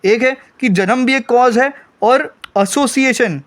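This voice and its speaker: High-voiced man insisting on being heard. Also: slow pace, fairly bright tone. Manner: insistent, keeps demanding to be heard. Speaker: debate host. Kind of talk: heated religious debate.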